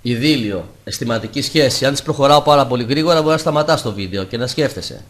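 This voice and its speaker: A man teaching English vocabulary, saying each English word louder and slower before its translation. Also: mid-range voice. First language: Greek. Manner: says English words louder and slower, then Greek translations. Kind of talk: vocabulary lesson.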